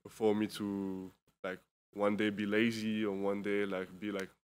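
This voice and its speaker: In an indoor press room, a young European basketball player in his 20s, sounding worn out, talks into a table microphone during his postgame press conference. The voice is somewhat low, clean-toned and resonant, with a level pitch, and his speech is hesitant, packed with fillers and restarts.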